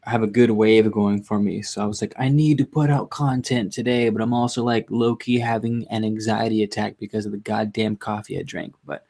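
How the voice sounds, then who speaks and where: A man hosting a casual livestream, chatting to viewers in a subdued, low-energy, rambling way with halting self-interruptions. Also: fairly even intonation, a little mellow. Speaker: livestream host. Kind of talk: casual live chat to viewers.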